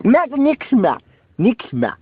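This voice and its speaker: An Algerian man with a high voice talks fast over a landline phone, the sound thin and narrow. He is crude and argumentative, bantering heatedly and peppering everything with swearing. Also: wildly swooping pitch, husky, no echo. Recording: thin, band-limited landline phone call.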